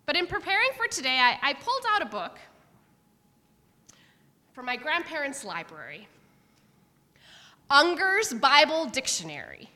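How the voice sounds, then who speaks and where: High, lively-voiced woman preaching in a reverberant hall. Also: a little slow, long pauses. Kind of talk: sermon. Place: church. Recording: long reverb of a church hall.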